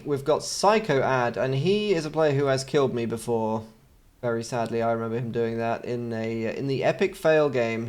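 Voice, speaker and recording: An English man casting a strategy video game in a chatty way, with joking asides between the play-by-play. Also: mid-range voice. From England. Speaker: game caster.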